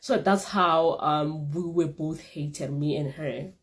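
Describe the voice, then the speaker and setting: A woman tells a personal story in a casual vlog, animated and laughing often. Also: slow. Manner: animated, laughing often, lively pitch jumps. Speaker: vlogger.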